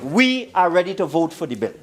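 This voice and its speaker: A Trinidadian-accented government minister gives an emphatic speech in parliament, repeating phrases for stress. His high voice is sing-song and fairly quick.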